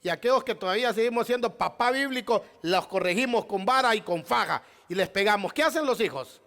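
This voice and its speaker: High-voiced preaching pastor, man. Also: animated, brisk, fairly bright tone. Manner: preaching with rhetorical questions, often addressing "amado hermano". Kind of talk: sermon.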